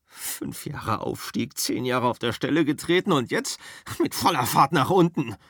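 A man's voice: medium pitch, expressive, measured pace, fairly bright tone, dry recording, studio quality, voice pushed up. A man reading an audiobook, voicing a bitter, hot-tempered male actor who rants and curses about his failing career. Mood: ranting. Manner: angry, cursing, ranting. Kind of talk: audiobook character voice.

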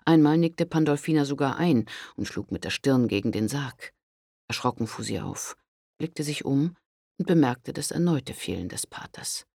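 A man reading a historical audiobook in a calm, measured way, recorded close to a studio microphone. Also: mid-range voice, creaky, husky, no echo. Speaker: audiobook narrator. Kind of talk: scripted historical audiobook narration.

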